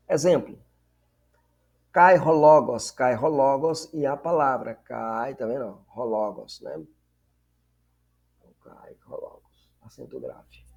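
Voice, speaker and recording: A man's voice: fairly high pitch, a little mellow, slightly rough. A man teaching a lesson, explaining step by step and often checking in with "né?" and "tá vendo?". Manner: explanatory, repeats words and asks "né?" and "tá vendo?" often. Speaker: Greek teacher. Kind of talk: recorded lesson.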